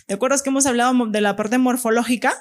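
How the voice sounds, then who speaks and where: A woman's voice: fairly high pitch, steady tone, fast. A woman teacher giving a classroom grammar lesson, explaining step by step and often checking that the students follow.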